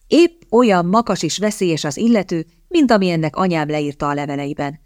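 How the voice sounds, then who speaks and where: A woman's voice: lowish voice, expressive, a little mellow, dry recording, lightly acted. A woman reading the lines of an irritated, sardonic young lord in an audiobook. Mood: wry. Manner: dry, sardonic.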